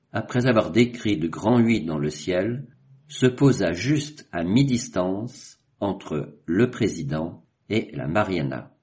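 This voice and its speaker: A male narrator reads an adventure story in a measured, literary manner. His voice sits low and he takes his time over each phrase. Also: mellow. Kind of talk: scripted narration.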